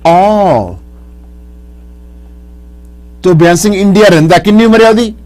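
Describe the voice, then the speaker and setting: A man's voice: sits high, fast, darkish tone. A man hosting a radio call-in show, questioning the caller closely and slipping in English phrases. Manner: probing, mixes English phrases. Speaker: radio host.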